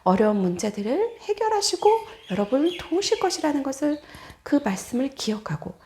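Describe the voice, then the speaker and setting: Church lady doing a kids' sermon, super high lively voice, keeps asking the kids questions. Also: brisk. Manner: animated, asks the children questions. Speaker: children's ministry evangelist. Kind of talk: children's sermon storytelling.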